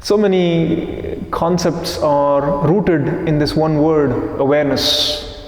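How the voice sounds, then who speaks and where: Slow, calm male meditation teacher in an echoey hall. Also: a little high. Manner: slow, calm, asks the group questions and repeats their answers. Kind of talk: live guided meditation talk. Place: meditation hall with a live group.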